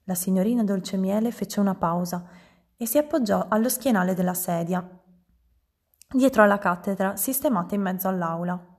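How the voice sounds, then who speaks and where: A woman narrating a children's book in a calm, even storytelling manner. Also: medium pitch, normal speed, slightly rough. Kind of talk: audiobook reading.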